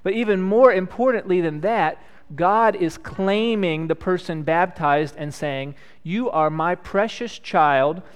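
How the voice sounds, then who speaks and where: A man in his thirties, a pastor leading prayer and a children's message, speaking gently and asking the children simple questions. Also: sits high, unhurried, few pauses, clear, resonant tone. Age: 30s. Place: church.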